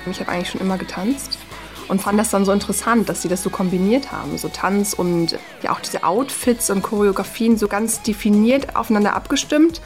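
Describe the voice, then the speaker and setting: Woman in her twenties, casual interview, chatty and animated, mid pitch, music in the background. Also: brisk. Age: 20s. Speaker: interviewee, dancer.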